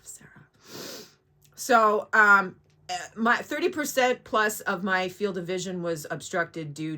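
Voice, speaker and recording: Recording her vlog after surgery, a woman of forty-nine sounds sore and somewhat shaken. Her voice sits low with a sharp edge, and she talks casually and candidly, swearing and wandering off into asides.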